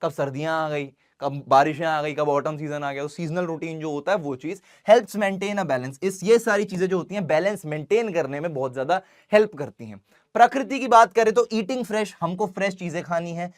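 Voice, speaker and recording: High-voiced chatty male science teacher. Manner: chatty, addresses students as bhai and beta; reads English lines slowly and deliberately. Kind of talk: online science lesson.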